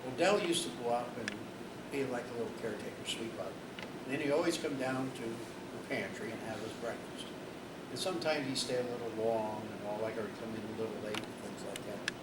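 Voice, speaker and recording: An older man, animated and exclaiming, reminiscing with stories on a panel in a library meeting room. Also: medium pitch, fairly quick. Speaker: panel storyteller. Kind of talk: reminiscing storytelling. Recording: distant, echoey, loud background noise.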